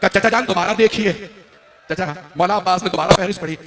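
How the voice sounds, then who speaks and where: A man's voice: high-pitched, quick pace, crowd noise. A male religious orator delivering a mournful majlis sermon recital, impassioned and lamenting, climbing to tearful cries.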